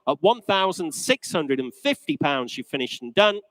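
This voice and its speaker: A man's voice: on the high side, very animated, normal speed, a bit bright, dry recording, poor audio. A man working as an auctioneer, calling bids live in a polished, courteous, repetitive patter.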